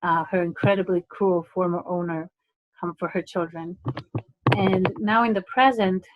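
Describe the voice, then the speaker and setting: A middle-aged woman from Romania, an English lecturer giving an online presentation in a measured way, pausing often with fillers. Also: on the low side, steady tone, dull audio, very noisy. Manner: measured, hesitant with frequent fillers.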